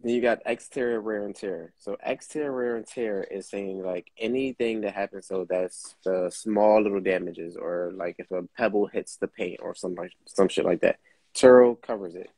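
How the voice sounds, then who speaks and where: A man's voice: on the low side, normal speed, warm tone, dry recording. A man hosting a casual chat, explaining things in a blunt, profane, laid-back way. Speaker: host.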